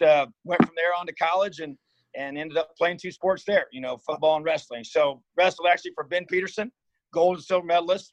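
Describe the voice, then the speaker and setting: Poor audio without echo captures a high-leaning male voice: an Indiana head football coach in his fifties, interviewed casually as a guest about his life. He's earnest but rambling, restarting often and peppering it with "you know."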